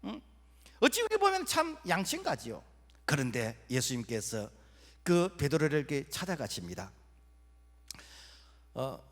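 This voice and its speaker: A middle-aged male pastor preaching a sermon, acting out quoted lines with emotion. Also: high-pitched. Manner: animated preaching with dramatized quotes and tearful peaks. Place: church sanctuary. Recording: long reverb of a church hall.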